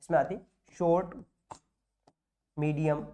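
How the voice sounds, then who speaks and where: A man's voice: on the high side, steady tone, takes it slowly, warm tone. A man teaching nursing exam material in a classroom lecture style, repeating key words and asking and answering his own questions.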